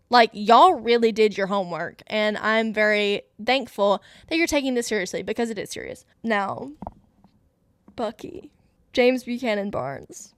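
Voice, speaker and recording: A woman's voice: a little high, clean tone, dry recording, clean studio sound. A woman hosting her own show, giving a casual, gushing movie review in a chatty way, full of fillers. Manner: gushing, enthusiastic fan talk. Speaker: host.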